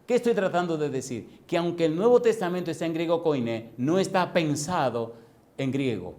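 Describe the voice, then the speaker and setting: A male pastor preaching a sermon, firing rapid questions at his congregation and slowing down to stretch key words for emphasis. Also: a little high, expressive, a little mellow. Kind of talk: preaching sermon with call-and-response. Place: church congregation.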